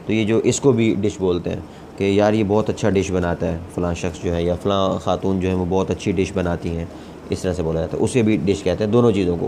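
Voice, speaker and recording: A man whose first language is Urdu, teaching an English lesson. He repeats each word slowly several times and then gives its meaning. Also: deep voice, mellow, slight background noise. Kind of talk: slow vocabulary and grammar lesson.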